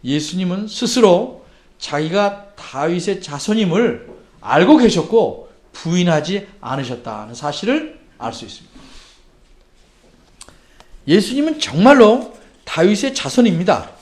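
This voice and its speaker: A man preaching a sermon as a pastor. He reads scripture aloud, acts out the quoted cries, and swings from loud calls to hushed asides. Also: high voice, big pitch swings, a little slow.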